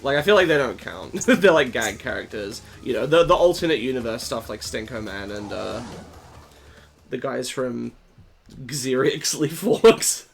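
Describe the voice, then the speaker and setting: A man's voice: mid-range voice, lively intonation, measured pace, gravelly, faint music behind. A young man chatting casually on a game stream, swearing offhandedly and laughing often. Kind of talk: casual gaming stream chat.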